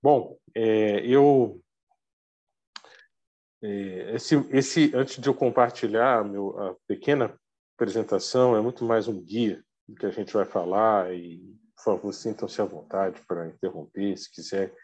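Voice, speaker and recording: A Brazilian man giving an informal talk on a video call, speaking through a face mask, halting as he searches for words. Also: lowish voice, fairly even intonation, a little mellow, slightly rough, dull audio. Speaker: guest speaker, arbitrator.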